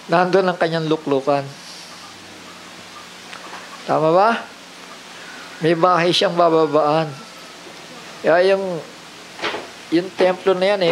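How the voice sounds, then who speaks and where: A man's voice: a little high, slight background noise, low-quality recording. A man preaching a sermon, mixing in English phrases and often asking the congregation rhetorical questions.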